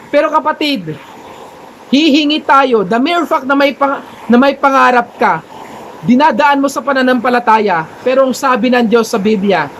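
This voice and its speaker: An earnest man telling a faith story in a casual motivational vlog. His voice sits high for a man and stays polite and gently preachy. Faint background noise runs under his talk. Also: low-quality recording. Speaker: motivational vlogger.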